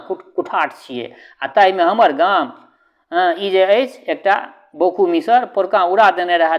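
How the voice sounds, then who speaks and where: A man's voice: sits high, muffled recording. A man reading a short story aloud in a conversational way, turning to the listener with little asides.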